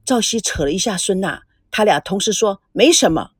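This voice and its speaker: A woman narrating a serialized novel aloud in an expressive storytelling style. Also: mid-range voice, brisk, slightly rough, no echo, clean studio sound.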